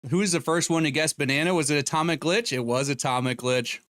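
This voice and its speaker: A man's voice: fairly high pitch, fast talker, fairly bright tone, no echo, studio quality. A young adult man hosting a casual live stream, joking and reading out viewer names and donations at a desk mic in a home room. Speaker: streamer host. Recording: faint background music. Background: background music.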